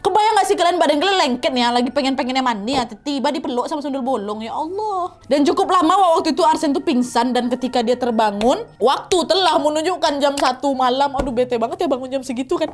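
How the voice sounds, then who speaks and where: High-voiced woman telling a horror story. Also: fast, hardly any pauses. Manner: chatty and expressive, addresses listeners. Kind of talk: casual horror story narration.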